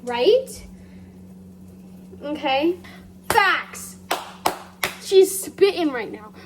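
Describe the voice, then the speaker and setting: A woman's voice: high-pitched, lively intonation, drawn-out words, heavy background noise. A young woman filming a reading vlog, reacting dramatically to a book with gasps and swearing, recorded on wireless earbuds. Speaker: book vlogger.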